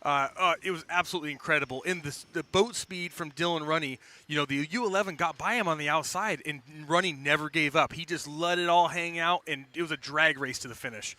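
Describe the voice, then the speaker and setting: Give me an enthusiastic male color commentator with a high, very bright voice. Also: brisk, few pauses. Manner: enthusiastic, animated analysis. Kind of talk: live sports commentary.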